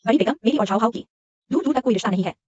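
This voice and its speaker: A woman's voice: on the high side, animated, racing, darkish tone, husky, muffled recording. A woman voicing a scheming young woman who wants to marry into a rich family, sweet-talking and coaxing, in a dubbed drama. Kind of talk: Hindi drama dubbing.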